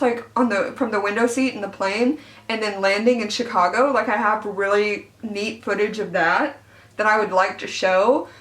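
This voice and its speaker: A woman's voice: mid-range voice, fairly bright tone. American woman, casual beauty vlogger, talking with whitening trays in mouth, candid, informal, echoey room, distant mic. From Arkansas, southern United States. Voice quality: speech slightly altered by teeth whitening trays in mouth. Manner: candid, informal, swearing, self-deprecating. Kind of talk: casual chatty get-ready-with-me vlog.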